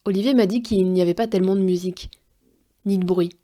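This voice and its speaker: A woman's voice: medium pitch, fairly even intonation, quick pace, warm tone. A French woman narrating her podcast as host, with light, playful storytelling. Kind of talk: scripted narration.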